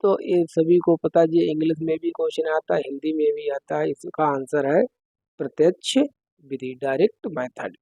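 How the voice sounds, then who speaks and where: A man's voice: on the high side, fairly even intonation, normal speed, mellow, no echo, low-quality recording. A man teaching an exam-prep lesson, working through quiz questions step by step and putting questions to the listener.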